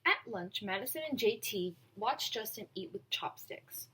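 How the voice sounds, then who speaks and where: Expressive woman reading a picture book, slightly husky. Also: medium pitch, unhurried. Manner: expressive storytelling with acted dialogue. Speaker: read-aloud volunteer reader. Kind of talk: children's picture book read-aloud.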